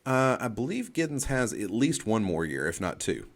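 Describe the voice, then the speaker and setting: A man co-hosts a sports talk show, analysing things off the cuff in unscripted discussion and frequently repeating words and phrases. His voice is on the low side and sing-song, at a moderate pace.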